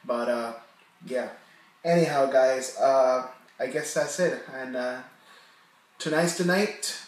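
A man's voice: medium pitch, slow pace. A man hosting a reaction video, chatting casually and rambling, with many fillers and restarts. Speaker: reaction channel host. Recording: echoey room, distant from the mic.

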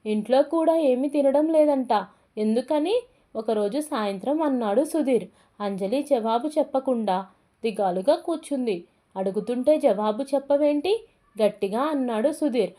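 A woman narrates a scripted family story in a gentle, even storytelling voice. Her voice sits a little high but sounds soft and mellow rather than bright, and she speaks the characters' lines without changing into different voices. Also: normal speed.

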